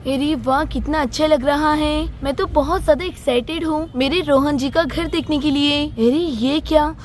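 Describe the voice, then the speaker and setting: A woman's voice: sits high, fairly even intonation, normal speed, a little hiss or hum, close to an everyday voice. A woman voicing a young bride in a doll story, speaking politely and pleadingly. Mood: dismayed. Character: sweet young bride, trusting then hurt.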